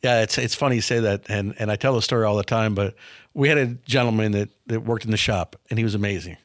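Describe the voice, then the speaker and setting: A man's voice: lowish voice, quick pace, no room sound, clean studio sound. A man in his fifties, a business owner answering interview questions frankly and often repeating words as he starts a sentence. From small town near Milwaukee, US. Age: 50s. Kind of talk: casual interview talk.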